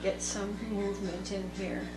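A woman teaching watercolor, thinking aloud slowly as she paints at a table. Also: medium pitch, level tone. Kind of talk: unscripted painting tutorial narration. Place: indoor table workspace. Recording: echoey room with background music. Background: soft instrumental music.

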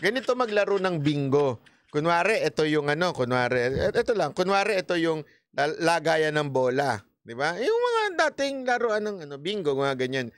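A man's voice: a little high, big pitch swings, normal speed, no room sound. A man hosting a casual political commentary stream, teasing his viewers and laughing often. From Philippines. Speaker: political vlogger host.

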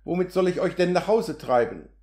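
A man's voice: high-pitched, animated, brisk. K., a man reading an exasperated surveyor. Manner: sharp, exasperated outbursts. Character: impatient agitated male land surveyor. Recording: roomy echo.

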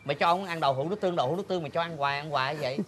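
An actor playing a chatty middle-aged eatery owner with animated exclamations. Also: male voice, on the high side, very fast, a little hiss or hum, close to an everyday voice. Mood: scolding. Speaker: comedy sketch actor.

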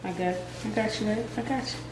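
A woman talking calmly and matter-of-factly through each step of a home demo in a kitchen, recorded on a phone. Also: mid-range voice, fast talker. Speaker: co-host doing the demo. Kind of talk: casual step-by-step demo talk. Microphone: handheld phone camera. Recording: echoey kitchen with background noise.

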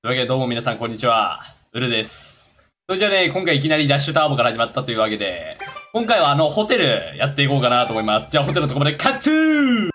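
Excitable man narrating a game playthrough. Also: medium pitch, rapid-fire, soft background music. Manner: excitable, talks to himself while playing. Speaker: gaming YouTuber. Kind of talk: casual let's-play commentary.

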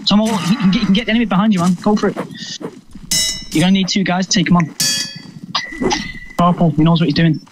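A man's voice: high-pitched, steady tone, quick pace, long pauses, background noise. A man leading his regiment over voice chat during an online game battle, giving terse commands and swearing freely.

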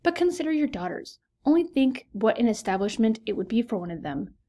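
A woman reading aloud, voicing a fussy, excitable middle-aged mother who exclaims and insists in a raised voice. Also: on the high side, brisk. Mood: insistent.

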